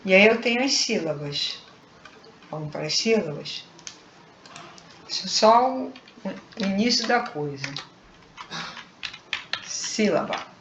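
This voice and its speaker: A woman's voice: medium pitch, lively intonation, slow pace, pauses often, a bit bright, a little hiss or hum. A woman teacher giving a recorded online grammar lesson, explaining patiently and checking in with frequent tag questions. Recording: echoey room, dull lo-fi sound.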